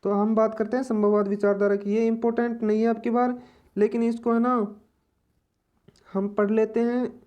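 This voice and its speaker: A woman teaching an exam-prep lesson, explaining slowly and repeating each point in other words. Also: on the high side, level tone, warm tone.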